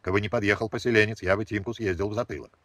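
A man voicing a dull, slow-witted young peasant who stammers in rustic dialect. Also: fairly low pitch, fairly even intonation, fairly bright tone, dry recording, lightly acted. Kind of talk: audiobook character voice.

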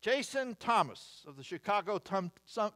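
High-voiced older pastor preaching. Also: male voice, sing-song, bright, forceful tone. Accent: American. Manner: measured, wry asides, reading lists emphatically. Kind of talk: sermon. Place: church sanctuary, at a wooden pulpit. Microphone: pulpit mic, far camera.

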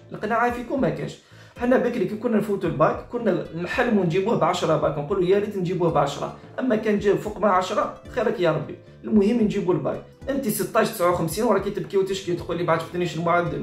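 Casting: Algerian male online commentator, exasperated and repetitive, rapid-fire delivery, echoey room with faint music behind. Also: sits high. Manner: exasperated, repetitive, mixes Arabic with French. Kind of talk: informal reaction commentary. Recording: roomy echo with faint music.

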